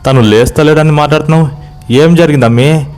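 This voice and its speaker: A man voicing a pushy village man with a Telangana accent who asks loud, urgent questions. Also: fairly high pitch, brisk, pitched above the performer's own voice, lightly acted. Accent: Telangana Telugu. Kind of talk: horror story voice acting.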